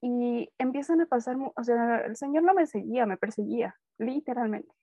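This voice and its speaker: Animated young Mexican woman, mellow tone. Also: on the high side, normal speed, no echo, dull audio. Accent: Mexican Spanish. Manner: animated storytelling, acts out dialogue. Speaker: guest sharing testimony. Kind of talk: personal faith testimony, casual chat.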